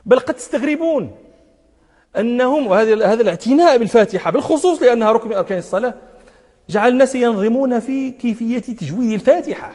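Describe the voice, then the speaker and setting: High-voiced sheikh in a reverberant hall. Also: male voice, animated, quick pace, a little mellow. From Morocco. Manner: emphatic, repeats words for stress, chants verse quotations. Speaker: sheikh teaching hadith commentary. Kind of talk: religious lesson.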